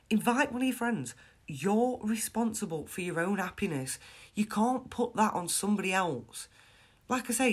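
A woman with a chest infection, hosting a casual solo podcast in a chatty, frank, self-deprecating way. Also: fairly low pitch. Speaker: podcast host.

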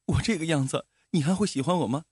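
A man's voice: a little high, fast, a little mellow, no room sound, studio quality, close to an everyday voice. A man voicing a disfigured young village woman who pleads through tears in a storybook tale. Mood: tearful pleading. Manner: pleading, tearful.

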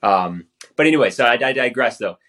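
A man hosting a podcast, talking in a relaxed, conversational way with plenty of affirmations. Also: mid-range voice, fairly quick. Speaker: podcast host. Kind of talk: podcast interview.

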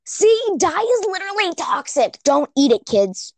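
A teenage girl co-hosting a casual podcast, excitable and prone to ranting in bursts full of "like". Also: high-pitched, moderate pace, dry recording. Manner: excitable, rants in bursts with lots of "like". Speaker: podcast co-host. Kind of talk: casual chat.

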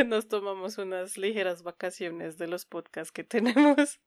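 A woman's voice: mid-range voice, very animated, unhurried, no echo, studio quality. A woman co-hosting a podcast in casual chat, giggly and informal, often poking fun at herself. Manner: giggly, frequently laughing. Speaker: podcast co-host.

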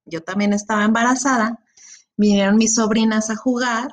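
A middle-aged woman with a Mexican accent chats in a relaxed group talk. Her voice sits a little high, and she tells stories in an animated, expressive way. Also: moderate pace. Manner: animated storyteller. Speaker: podcast co-host. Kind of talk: casual panel chat.

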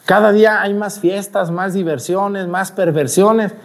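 Animated priest preaching at mass. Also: male voice, high-pitched, a little slow. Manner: animated, asks the congregation rhetorical questions. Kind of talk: sermon at mass.

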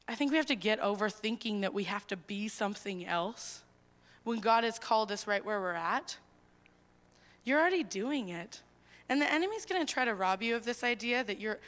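Young woman, sermon, earnest conversational delivery, bright tone, long hall echo. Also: a little high. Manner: conversational and earnest, with fillers and animated retellings. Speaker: preacher. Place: church hall.

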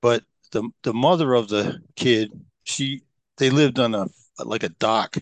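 Man, middle-aged, rambling storyteller, even-pitched voice, dry close sound. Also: measured pace, dry recording. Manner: rambling, many fillers and restarts. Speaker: podcast guest. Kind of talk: casual storytelling.

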